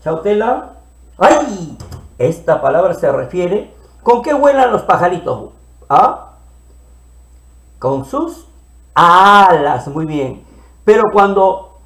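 A man teaching children to read, playfully sounding out syllables slowly and repeating them. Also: high voice, gravelly, a bit bright, reverberant. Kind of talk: early reading lesson for children.

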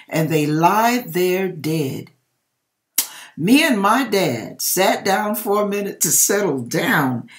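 With a medium-pitched, somewhat bright voice, a middle-aged American woman dramatically reads out viewers' dreams in her kitchen at home. She talks directly to the audience, emphatic and theatrical, lingering on her words.

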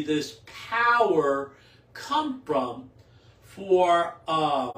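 An older man, a priest, reads scripture in steady liturgical cadence and then preaches a homily at Mass, restarting phrases as he goes. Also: fairly high pitch. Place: small indoor home chapel. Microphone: camera a few feet away. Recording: roomy echo, distant from the mic.

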